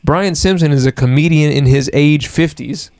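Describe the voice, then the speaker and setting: A man's voice: a little high, moderate pace, darkish tone, no room sound. A man on a podcast, chatting casually in a matter-of-fact way and reading things out from online searches. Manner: matter-of-fact, reads search results aloud. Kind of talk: casual chat.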